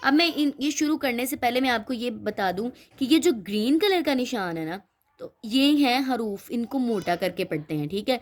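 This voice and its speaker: Gentle woman teaching Quran letters. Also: fairly high pitch, animated. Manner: explains slowly, checks in with "theek hai?" often; models letter sounds, drawn out and repeated. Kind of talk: patient Qaida lesson for children.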